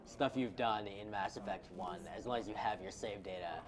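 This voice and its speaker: A man's voice: fairly low pitch, moderate pace, background noise. A man giving casual commentary on a game run, chatty and explaining with plenty of fillers. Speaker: marathon commentator.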